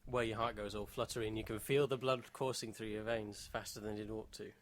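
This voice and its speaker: A man's voice: fairly low pitch, steady tone, fairly quick. A man from northern England, a podcast guest with a dry, wry sense of humor. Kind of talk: casual podcast chat.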